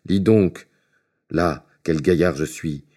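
A man's voice: low-pitched, slow pace, mellow. A man reading aloud, voicing a cocky, boastful little tailor in a storybook tale.

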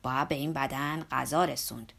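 A woman voicing a blunt, earthy older male laborer in an audiobook, speaking low and loud with a scolding manner. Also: steady tone, gravelly, full character voice. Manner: lower pitched, loud and scolding. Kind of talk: audiobook character voice.

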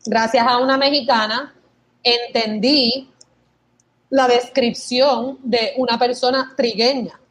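Lively Puerto Rican woman storyteller. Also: on the high side, slow pace. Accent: Puerto Rican Spanish. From Puerto Rico. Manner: lively storytelling, mixes in English words. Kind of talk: casual conversational chat.

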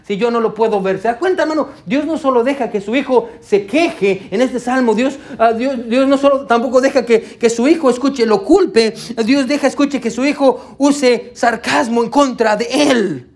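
Impassioned pastor preaching with rhetorical questions. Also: male voice, very high-pitched, a little mellow. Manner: slows down to stress words. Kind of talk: sermon.

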